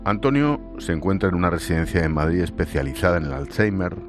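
A man's voice: low voice, sing-song, fast, music in the background. A man hosting a radio segment, reading a scripted narration and then chatting informally with a guest. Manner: informal with guest, calls him macho and tío. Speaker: radio host.

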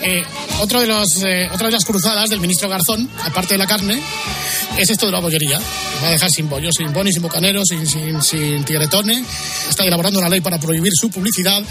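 A man's voice: high-pitched, fast, over music. A man with a Spain accent hosting a light, chatty radio show. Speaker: radio host.

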